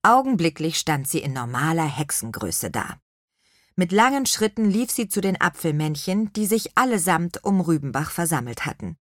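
A woman narrating a children's story in an expressive, unhurried way. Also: low voice, dry recording, clean studio sound. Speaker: audiobook narrator.

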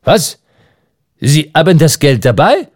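A man reading an audiobook, voicing an excitable, teasing Frenchman in a raised, animated voice. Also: medium pitch, a little slow. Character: excitable mocking Frenchman, grown man, theatrical.

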